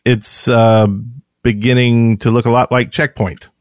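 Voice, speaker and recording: A man's voice: mid-range voice, flat delivery, unhurried, no room sound, studio quality. A man co-hosting a podcast in casual chat, rambling and correcting himself as he talks. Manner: rambling, self-correcting, chatty. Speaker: podcast co-host.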